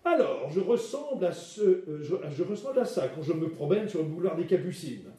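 A man reading aloud the part of a calm, mild male journalist giving patient replies. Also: a little high, fairly quick. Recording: roomy hall, mic far off.

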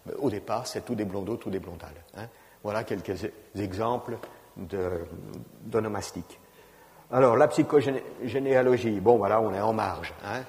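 A man's voice: fairly low pitch, normal speed, darkish tone. A man giving an informal lecture on genealogy, talking conversationally and often adding "hein" and fillers. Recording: reverberant lecture hall.

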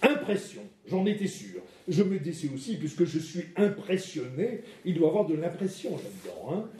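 A lecturer reading out a scornful old academic painter. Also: male voice, on the high side, very animated, moderate pace, a little mellow. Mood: indignant. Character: excitable, scornful older male academic painter. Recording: roomy hall, mic far off.

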